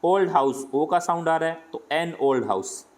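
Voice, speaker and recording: A man's voice: a little high, lively intonation, normal speed. Man teaching grammar with Hindi accent. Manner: explains step by step, asks and answers his own questions. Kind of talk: grammar lesson.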